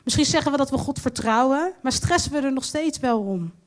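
A woman preaching a sermon, earnest and slowing down to stress her key lines. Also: sits high, lively intonation.

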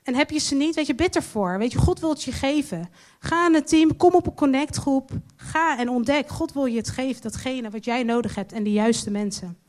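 A woman preaching a sermon, earnest and slowing down to stress her key lines. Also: high-pitched, a little mellow.

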